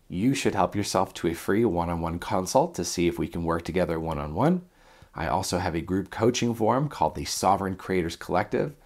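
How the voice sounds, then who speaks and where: A man with a blocked, stuffed-up nose, sick and mouth-breathing, talking through a self-help lesson as a coach in a deliberate, earnest way. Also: deep voice, darkish tone. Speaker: self-development coach and video presenter.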